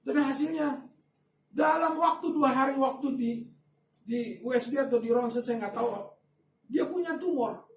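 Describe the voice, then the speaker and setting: A man preaching a sermon as a pastor, telling a story with lively swings between soft asides and loud emphatic bursts. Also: extremely high pitch, normal speed, slight background noise. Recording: echoey room, voice from a distance, faint ambience.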